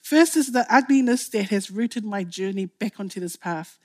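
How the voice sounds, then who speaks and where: A woman's voice: medium pitch, animated, normal speed. A woman from Tonga, a filmmaker giving an impassioned public speech. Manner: impassioned, rising to emphatic outbursts. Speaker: filmmaker speaking on a panel.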